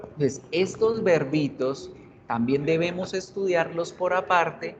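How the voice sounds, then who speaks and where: A man's voice: fairly high pitch, measured pace, crowd noise. A man teaching an English grammar class online, explaining in Spanish and English, asking students questions and repeating example words. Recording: dull, lo-fi online class audio with faint hiss.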